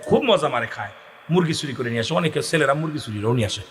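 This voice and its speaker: A man's voice: medium pitch, animated, quick pace, slight background noise. A male preacher giving an emotional sermon, often urging the crowd to call back. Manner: emotional, calls on the crowd to respond. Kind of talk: Islamic waz sermon. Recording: echoey hall over loudspeakers.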